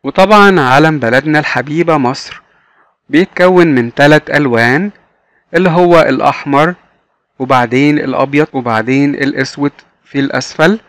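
A man with an Egyptian Arabic accent teaching English words to young children, repeating each word slowly several times. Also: a little high, a bit bright, dry recording.

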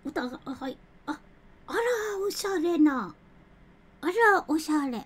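A woman's voice: sits high, lively intonation, unhurried, slight background noise. A young woman streaming a cooking game, chatting casually, giggling and thanking viewers as she plays. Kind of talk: casual live-stream chat.

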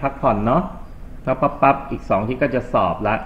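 A man teaching English grammar in a classroom review, speaking with a Thai accent, patient and coaxing as he reads exam sentences slowly. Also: mid-range voice, phone-quality sound, slight background noise.

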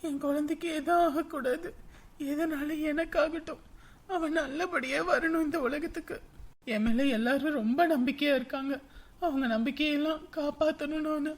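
Frightened young pregnant wife played by a woman, fearful and soft-spoken, with a high voice. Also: fairly even intonation, moderate pace, lightly acted. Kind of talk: family drama acting.

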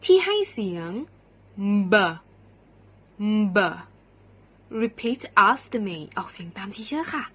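Thai lady teacher, slow careful phonics for little kids, lots of encouragement. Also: fairly high pitch, sharp tone. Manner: slow, clearly sounded-out model pronunciations; encouraging teacher talk to young pupils. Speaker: English teacher. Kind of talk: phonics lesson for children.

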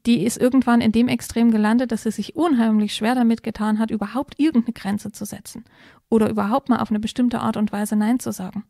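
A woman co-hosting a podcast, calmly explaining step-by-step advice in a casual conversation. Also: on the high side, quick pace, vocal fry, no echo, clean studio sound. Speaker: podcast co-host explaining parenting topics.

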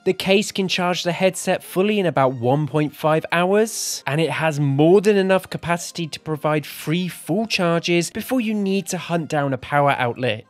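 A man's voice: fairly high pitch, expressive, normal speed, few pauses, soft background music. A man in his twenties reading a scripted tech product review as narration.

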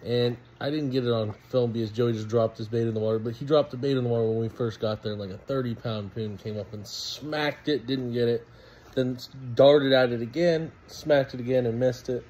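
A man's voice: medium pitch, steady tone, fairly quick, darkish tone, dull audio. A man in his thirties, a fishing vlogger, talking in a loose, rambling way into a phone camera in a small storage room. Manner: laid-back, rambling recap with fillers. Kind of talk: casual vlog narration.

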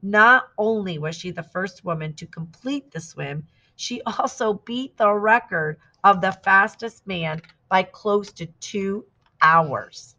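A woman's voice: mid-range voice, slow. Woman reading a picture book aloud. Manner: steady, clear storytelling with lively quoted shouts. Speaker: storybook reader. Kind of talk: scripted narration of a picture book.

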